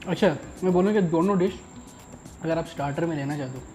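A young man talks through a casual food review while eating at an outdoor rooftop restaurant. His voice sits a little high but mellow in tone, chatty and unhurried between bites. Faint background hiss runs under the recording. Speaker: food vlogger.

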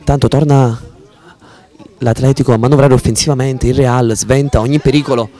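A man giving play-by-play football commentary in florid, formal sportscaster language, with excited surging goal calls. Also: medium pitch, moderate pace. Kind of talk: amateur football match commentary.

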